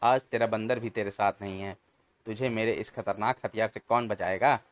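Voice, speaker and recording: A man's voice: on the low side, fairly even intonation, moderate pace, lightly acted. A man voicing a scheming male villain in a children's comic storybook, gloating and threatening as he talks.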